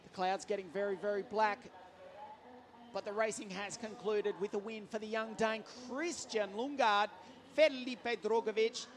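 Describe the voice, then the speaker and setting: A male race commentator calls the action live from trackside at a karting circuit in southern Italy, eagerly reeling off names and results. His voice sits high, with fairly even intonation and a normal speaking speed.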